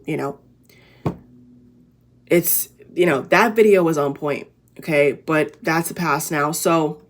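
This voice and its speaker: A weary-sounding woman vlogs to camera with casual, meandering inspiration. Her low, raspy delivery is full of restarts and fillers, and she keeps returning to points as she works out her thoughts.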